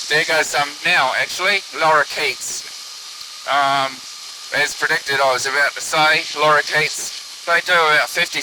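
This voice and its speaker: Casting: man, somewhat high voice, casual musing pilot talking over the radio from a noisy open aircraft. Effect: pilot's headset or radio sound. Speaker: microlight pilot filming own flight. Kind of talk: casual running cockpit commentary. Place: open microlight aircraft in flight. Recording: steady aircraft engine and wind hiss.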